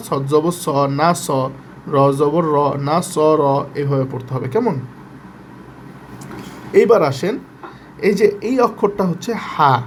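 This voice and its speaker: A man with a fairly high voice and a Bangladeshi Bengali accent teaches Quran letters step by step. He is patient and repetitive, sounding out each syllable slowly. Faint ambience sits behind him. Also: a little hiss or hum. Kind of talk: step-by-step reading lesson.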